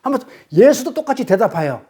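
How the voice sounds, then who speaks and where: High-pitched guy preaching a sunday sermon, slangy and blunt, a little faint noise behind. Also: sing-song, fast talker, dark tone. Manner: blunt colloquial preaching, acting out quarrels. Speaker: pastor.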